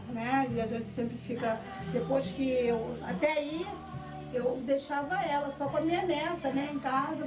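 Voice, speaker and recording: Middle-aged Rio woman, high voice, testimony story with dialogue; recorded from afar in a reverberant hall. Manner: storytelling, quoting family in dialogue. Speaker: church testimony speaker. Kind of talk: personal testimony. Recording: echoey, from far off, music behind.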